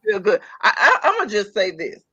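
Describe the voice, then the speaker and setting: A woman on a church panel who tells stories exuberantly, laughing and leaping up in pitch. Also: wildly swooping pitch, moderate pace, pushed and bright, breathy edge, no echo. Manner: exuberant storyteller, laughs, big pitch leaps. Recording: dry, dull lo-fi sound.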